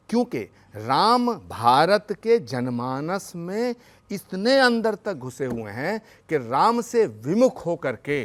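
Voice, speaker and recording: A man who is a spiritual leader speaking on a televised news debate, formal and devotional, earnest and emphatic. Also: fairly high pitch.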